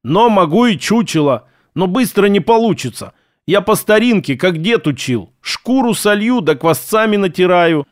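A gruff old hunter grumbles in a slightly raised voice, as a male audiobook narrator puts him on. He is wary and folksy, and he speaks plainly, close and dry. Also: high-pitched, expressive, normal speed, no echo, voice pushed up. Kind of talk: audiobook character voice.

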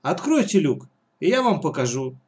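A man voicing a calm, clever boy in glasses who speaks in a reasoned way. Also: on the high side, normal speed.

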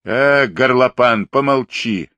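A man voicing a blunt Cossack who scolds a loudmouth. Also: fairly low pitch, big pitch swings, takes it slowly, breathy edge, no echo, full character voice. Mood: scolding.

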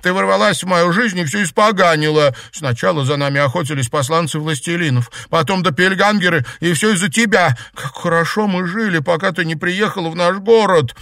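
A furious teenage girl with dark powers , put on by a man reading an audiobook, hurling shrill, raised accusations. Her voice rides well above his usual register and loud. The sound is close and dry. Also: brisk, few pauses, no room sound.

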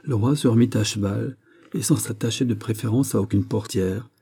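A man narrating a classic novel as an audiobook, in a measured, even storytelling manner. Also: lowish voice, vocal fry, husky.

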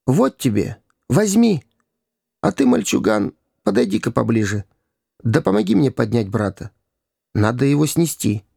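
Man doing a kind, pitying gentleman. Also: mid-range voice, big pitch swings, moderate pace, creaky, breathy edge, dry recording, studio quality, heavily acted. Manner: earnest, reproachful. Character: kind compassionate gentleman passerby.

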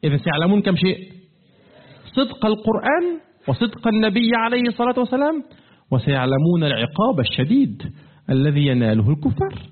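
A man teaching a religious lesson, asking his listeners questions and repeating them, his pitch swinging up and down as he slows to stress key words. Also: big pitch swings. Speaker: teacher of Quran commentary. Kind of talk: classroom-style religious lesson. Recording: tinny phone-like lo-fi recording.

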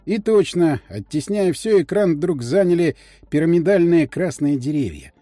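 Expressive male storybook narrator. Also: on the high side, normal speed, no room sound, faint music behind. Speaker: audiobook narrator. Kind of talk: scripted narration.

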